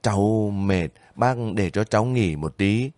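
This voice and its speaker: A man's voice: fairly low pitch, expressive, measured pace, darkish tone, no echo. A man voicing a young soldier on leave who pleads and questions anxiously in a spoken story. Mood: faint. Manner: anxious, breaking voice.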